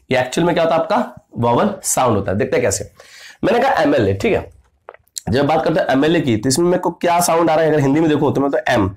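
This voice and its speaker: A male teacher giving an exam-prep grammar lesson, lively, asking questions and answering them himself, calling his students "sarkar". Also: a little high. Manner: acts out classroom anecdotes.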